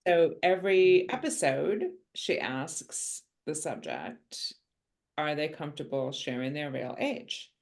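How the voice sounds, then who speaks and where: Low-voiced joking woman in her fifties. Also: big pitch swings, slow pace, poor audio. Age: 50s. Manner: joking, self-mocking, rambling asides. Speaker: author guest. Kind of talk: casual podcast chat.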